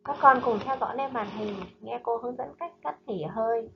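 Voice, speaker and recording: Woman teacher, slow careful lesson voice. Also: fairly high pitch, muffled recording, noisy background. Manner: slow, careful, clearly enunciated reading and drills. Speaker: primary school teacher. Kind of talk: recorded reading lesson for young children. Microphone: voice-over narration over slides.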